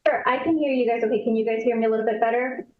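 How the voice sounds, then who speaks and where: A woman's voice: a little high, fairly even intonation, racing. A woman on a remote video call, presenting a formal staff report to a council in a polite, businesslike way, her audio glitching and cutting out. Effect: audio cutting out, glitchy dropouts. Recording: tinny, echoey call audio with dropouts.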